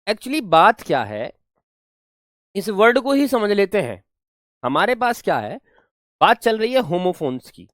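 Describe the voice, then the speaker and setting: A man's voice: high-pitched, sing-song, a little slow, long pauses, fairly bright tone, no echo, clean studio sound. A man teaching an online English class, mixing Hindi and English, spelling words out letter by letter and scolding students playfully. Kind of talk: online class lecture in Hinglish.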